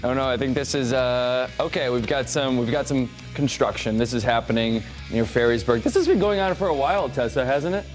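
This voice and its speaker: A man's voice: medium pitch, a little fast, few pauses, soft background music. A man presenting an improvised live traffic report in a hesitant, good-humoured way.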